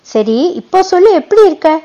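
A woman's voice: extremely high pitch, big pitch swings, dark tone, muffled recording, pitched above the performer's own voice. A woman voicing a cheerful, teasing young woman who chats playfully with an old friend. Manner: playful, chatty, quick to laugh.

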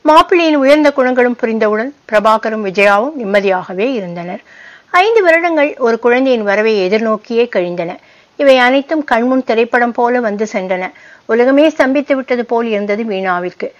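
A woman narrates a short story in a calm, measured way. Her voice sits a little high. She keeps the pace of a reader telling a tale. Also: dull audio. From United States (Boston). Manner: calm, measured storytelling, voicing the characters' lines.

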